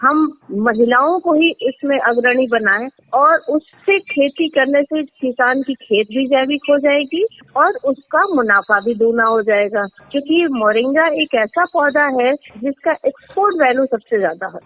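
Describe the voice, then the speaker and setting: A woman answering radio interview questions about her farming work, earnest and explanatory with some hesitations. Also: high voice. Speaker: interviewee, moringa farming entrepreneur. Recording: dry tinny phone line.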